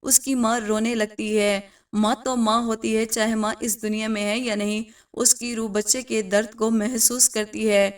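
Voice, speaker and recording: A woman narrating a moral story with emotional, dramatic storytelling. Her voice is fairly high and stays flat in pitch, and it sounds set back from the microphone. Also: recorded from a distance.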